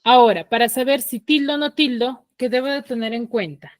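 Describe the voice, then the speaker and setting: A woman's voice: fairly high pitch, fairly quick, no echo. A woman teaching an online class with a Peruvian Spanish accent, leading students through questions step by step. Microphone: computer mic on a video call.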